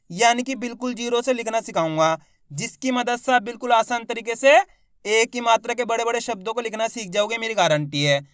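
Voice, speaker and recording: A man teaches reading, sounding out each syllable in a slow, stretched way before he joins them into a word. His voice is smooth and clear. It is recorded close and dry with no room sound. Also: very high-pitched, a bit bright, no echo. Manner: encouraging, addresses viewers as friends. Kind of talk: spelling out syllables for a reading lesson.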